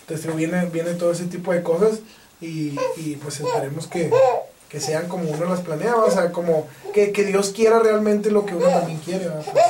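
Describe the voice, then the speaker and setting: A Mexican man with a high voice and slangy, relaxed speech chats at a normal speed in a casual interview, laughing often. He speaks with a Mexican Spanish accent in an echoey room, picked up by a distant mic over crowd noise and other background sound.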